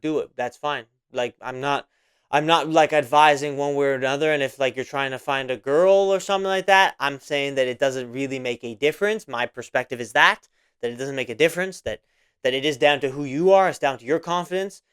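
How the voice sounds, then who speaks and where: A man's voice: mid-range voice, brisk, a bit bright, smooth. A man of about twenty hosting a casual solo podcast monologue, rambling and repeating himself with many fillers. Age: 20s. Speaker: podcast host.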